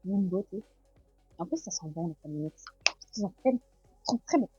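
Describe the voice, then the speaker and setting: A woman's voice: mid-range voice, lively intonation, fairly quick, dark tone, breathy edge, no room sound, muffled recording, faint music behind. A woman with a French accent in a casual home vlog, chatting as she unboxes gifts. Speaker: vlogger.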